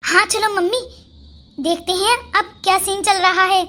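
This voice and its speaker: Someone doing a jealous whiny cartoon bahu, really high pitched, sharp and bright, plotting away. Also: steady tone, moderate pace. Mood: scheming. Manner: whiny, complaining. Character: jealous scheming young wife.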